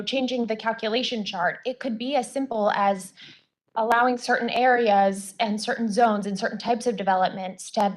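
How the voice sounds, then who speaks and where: Hoarse woman lawyer testifying at a public hearing, earnest, lots of ums and restarts. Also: a little high, low-quality recording. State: voice going hoarse. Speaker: attorney giving public testimony.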